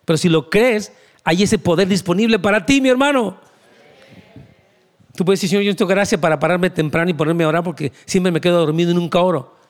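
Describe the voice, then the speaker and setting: A man's voice: sits high, fast talker. A man, preaching a conversational, emphatic sermon as pastor, with asides to the congregation.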